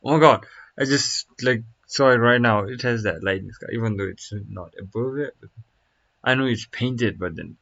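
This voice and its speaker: A young man streams while reacting to a video, rambling casually in slang packed with fillers. His medium-pitched voice is gravelly and a bit bright, at normal speed, captured on a dull lo-fi mic.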